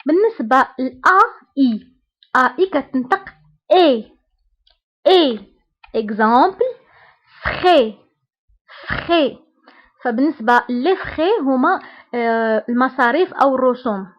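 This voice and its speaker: A woman with a Moroccan Arabic accent teaching a beginner French lesson, patient and repeating each sound slowly. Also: high-pitched, lively intonation, highs cut off.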